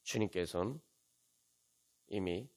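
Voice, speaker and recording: A man's voice: low-pitched, slow pace. A man pastor preaching at a Friday prayer meeting in church, asking many rhetorical questions and using frequent fillers.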